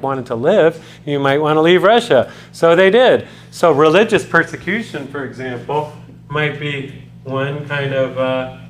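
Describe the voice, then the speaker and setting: A little hiss or hum sits under this American college lecturer's slightly high, somewhat bright voice. His classroom delivery is conversational and filler-heavy, and he regularly turns questions to his students.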